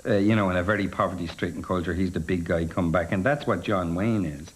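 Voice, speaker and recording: This is a deep-voiced Irish man in an interview. He talks loosely and circles around his point, trailing off and restarting as he thinks. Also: quick pace, poor audio. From Ireland. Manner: musing, loose, full of hedges. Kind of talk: documentary interview.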